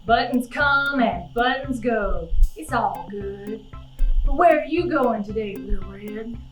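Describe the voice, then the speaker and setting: A woman voicing an easygoing, groovy cat in a children's puppet show, with a mellow, drawling, sing-song manner. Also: on the high side, expressive, slow pace, roomy sound, soft background music. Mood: laid-back. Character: laid-back, easygoing, groovy singing cat.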